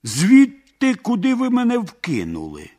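A man voicing a cunning peasant trickster who mocks and boasts calmly. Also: sits high, a little slow, pitched above the performer's own voice, full character voice. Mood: boastful.

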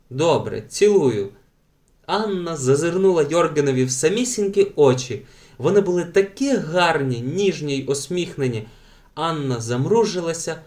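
A man narrating a children's story audiobook in a lively, expressive reading voice. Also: a little high.

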